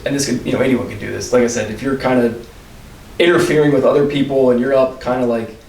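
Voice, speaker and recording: Measured man from Maryland, roomy sound. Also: steady tone, a little mellow. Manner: measured, hedging, restarts his points. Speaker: podcast co-host. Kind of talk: casual chat. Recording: roomy echo, far from the mic, faint rumble.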